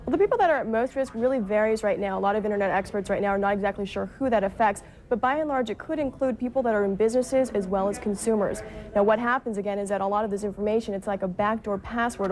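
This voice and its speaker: A woman's voice: mid-range voice, quick pace, a little mellow. A woman with an American accent reporting live for television news, moving between explanation and scripted narration.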